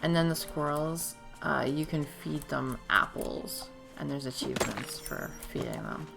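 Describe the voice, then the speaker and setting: A woman streamer, hoarse and losing her voice, chatting casually while playing a game at home. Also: low voice, wildly swooping pitch, unhurried. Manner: chatty, rambling, self-interrupting. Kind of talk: casual live gameplay commentary. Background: game music.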